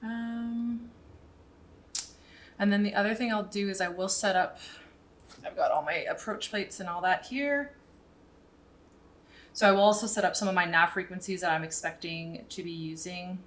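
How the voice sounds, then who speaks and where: A pilot and video host in her thirties speaks at normal speed and medium pitch, slightly bright, leaving long pauses. She thinks aloud informally as she works through a tutorial in a small home room, close to a boom-arm microphone and wearing a headset.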